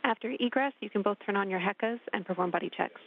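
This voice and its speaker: A man at mission control giving brisk, formal instructions over a crackly space radio link. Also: sits high, vocal fry. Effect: crackly space-to-ground radio link. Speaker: ground control communicator. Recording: tinny phone-like radio line.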